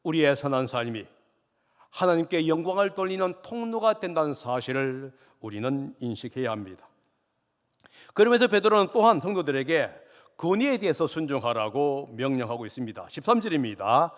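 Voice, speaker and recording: A man preaches in an earnest sermon style, his voice pitched a little high. He builds to strong, loud emphasis on his main points and then drops to a quiet close. A long church reverb trails behind every phrase. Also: lively intonation, moderate pace. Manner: earnest preaching, swelling louder on key points, then dropping low. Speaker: pastor. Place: church sanctuary.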